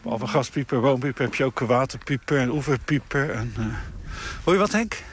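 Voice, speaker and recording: A man's voice: mid-range voice, expressive, brisk, a little hiss or hum. A man who is a bird sound expert, explaining things in a chatty way outdoors. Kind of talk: explaining in a field report. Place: outdoors in open grassland.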